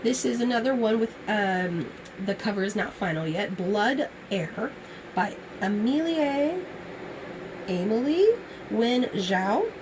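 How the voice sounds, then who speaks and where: A woman's voice: mid-range voice, lively intonation, slow pace, background noise. A woman giving an enthusiastic, casual book haul review, chatting and reading blurbs aloud in a somewhat strained voice. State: strained voice, as she apologizes for it.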